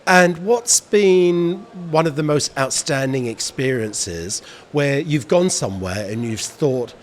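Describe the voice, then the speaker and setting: A male host asks his questions in a friendly, upbeat way, and his pitch rises and falls a lot. A faint festival murmur sits behind him. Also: expressive, slow pace, a little hiss or hum. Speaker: interview host. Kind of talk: interview questions. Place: busy travel festival.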